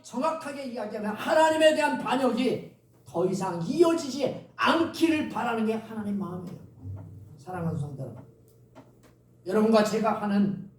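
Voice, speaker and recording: A man's voice: extremely high pitch, a little mellow. A man preaching a sermon as pastor, speaking to the congregation and drawing responses from them. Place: church sanctuary. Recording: echoey church recorded from a distance.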